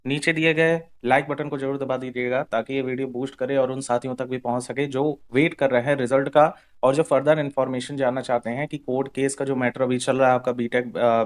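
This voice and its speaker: A man gives an informal explanatory update aimed at exam candidates, repeating himself and mixing Hindi with English terms. His voice is medium-pitched.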